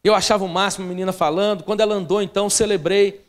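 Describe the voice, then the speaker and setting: A pastor preaching a sermon, telling a personal family story with frequent asides to the congregation. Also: male voice, high-pitched, steady tone, very fast.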